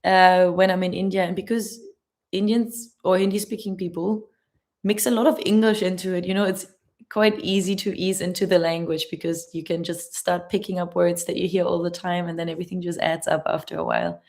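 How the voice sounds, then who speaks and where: A woman's voice: lowish voice, steady tone, fairly quick, a little mellow. A young woman with a German accent, a travel vlogger answering chat questions on a live stream in a chatty, laughing, careful way.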